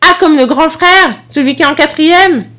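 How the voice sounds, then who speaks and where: A woman voicing a short, jovial but stern male school vice-principal with a strong Corsican accent, speaking firmly and briskly. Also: high-pitched, voice pushed up. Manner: firm, brisk, loud.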